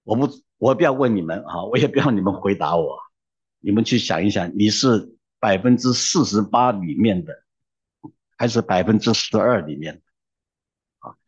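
Husky low-voiced male preacher. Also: muffled recording. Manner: emphatic, exhorting, with humorous storytelling. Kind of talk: sermon.

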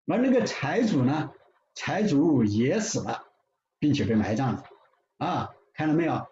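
A man preaching a sermon in an emphatic, repetitive way, with frequent drawn-out fillers. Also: medium pitch, mellow, slight background noise. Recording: roomy, dull sound with faint ambience.

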